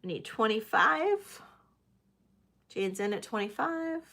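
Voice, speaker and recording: A woman's voice: on the high side, lively intonation, slow, vocal fry, pushed and bright. A middle-aged woman working as a casual auctioneer on a live sale, chatting and addressing bidders by name.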